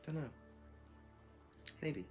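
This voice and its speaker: An actor playing a calm police detective who questions suspects in measured, pointed sentences, in a live-action video game. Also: male voice, soft background music. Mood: probing. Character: probing calm male police detective, middle-aged.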